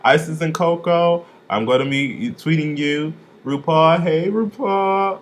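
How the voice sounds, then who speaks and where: A young man from Chicago giving a casual, sassy vlog review, with swooping, expressive emphasis on his catchphrases. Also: a little high, measured pace, a little hiss or hum. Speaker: vlogger reviewing drag contestants.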